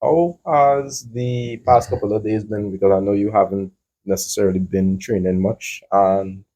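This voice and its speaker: Male podcast host: low, husky, warm voice, teasing questions. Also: fairly even intonation, normal speed. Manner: joking, playful interviewer. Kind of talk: casual interview chat.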